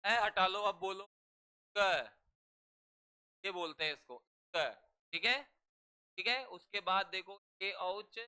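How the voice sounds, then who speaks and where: A man's voice: high voice, takes it slowly, long pauses, bright, forceful tone, clean tone. A male teacher lecturing a classroom, drilling students with repeated questions and having them repeat after him.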